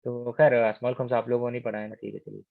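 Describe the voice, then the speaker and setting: A man from India teaching Arabic grammar in an online lesson, explaining patiently, checking understanding often and drilling words slowly. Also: medium pitch, level tone, gravelly, no room sound. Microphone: online call. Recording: tinny phone-like call audio.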